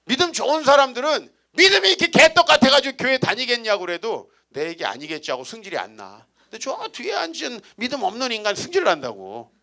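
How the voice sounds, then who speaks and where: A man in his forties preaches a humorous storytelling sermon from the pulpit, his voice pitched high and swinging widely up and down. The tone is bright and forward, and he keeps teasing the congregation with rhetorical questions. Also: big pitch swings, fast talker, creaky, hardly any pauses. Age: 40s. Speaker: guest pastor. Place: church sanctuary.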